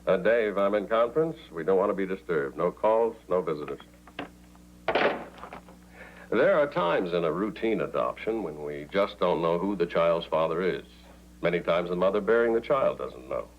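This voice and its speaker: An actor playing a polished male adoption broker in a 1980s TV drama, speaking calmly and in a businesslike way. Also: sits low, normal speed, lo-fi sound, slight background noise. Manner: calm, businesslike, lecturing.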